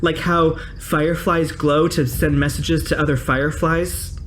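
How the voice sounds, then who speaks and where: Woman playing an excited kid investigator, eager, urgent, pitched up high. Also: unhurried, soft background music, rough recording.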